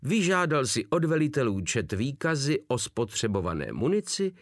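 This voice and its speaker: A man narrating an audiobook in an expressive storytelling manner. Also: mid-range voice, dry recording, clean studio sound. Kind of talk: scripted narration.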